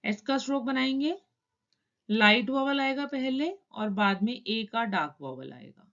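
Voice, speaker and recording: A woman teaching shorthand in a calm, step-by-step tutorial, explaining each stroke and vowel in turn. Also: a little high, unhurried, highs cut off.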